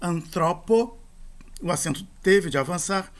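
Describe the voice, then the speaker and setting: A man's voice: high voice, expressive, measured pace. A man, teaching a grammar lesson and spelling out endings and rules step by step.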